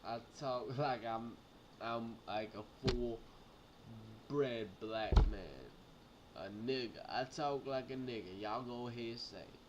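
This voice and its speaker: Young male vlogger, audibly drunk. Rowdy party-animal delivery, repetitive and stumbling, mid pitch, noisy amateur audio. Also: moderate pace. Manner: loose, repetitive slangy talk with stumbles and swearing. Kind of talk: rambling casual storytelling to camera. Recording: noisy amateur recording with clicks.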